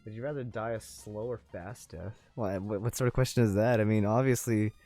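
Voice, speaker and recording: A man's voice: on the low side, steady tone, fairly quick, warm tone, soft background music. A man casually bantering with a friend while watching a video game, joking, laughing often and rambling off on asides. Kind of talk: casual let's-play banter.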